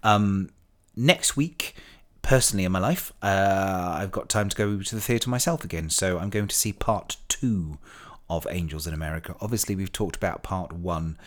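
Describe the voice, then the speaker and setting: A man's voice: sits low, moderate pace. A man hosting a podcast in a chatty monologue, theatrical and effusive, drawing out words. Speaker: podcast host and stage performer.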